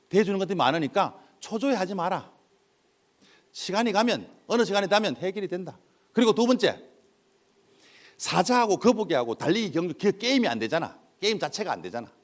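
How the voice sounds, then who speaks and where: A man giving a humorous motivational lecture to an audience, telling stories and acting out dialogue in different voices. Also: high voice. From South Korea. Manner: animated storytelling, acting out dialogue in dialect and character voices. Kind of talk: comic lecture to a live audience.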